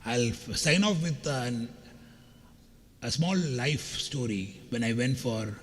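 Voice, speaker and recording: Speaking slowly at a medium pitch, a scratchy-voiced middle-aged Indian man delivers a motivational keynote in a chatty, joking way, full of anecdotes and direct remarks to the audience. Long hall reverb and faint background noise fill the recording.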